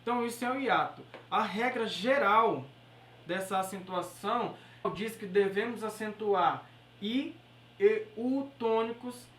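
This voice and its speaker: Brazilian woman teaching grammar, echoey room. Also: on the high side. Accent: Brazilian Portuguese. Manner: explanatory, checks in with "beleza?" and "certo?". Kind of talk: exam-prep grammar lesson. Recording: echoey room, voice from far off the mic.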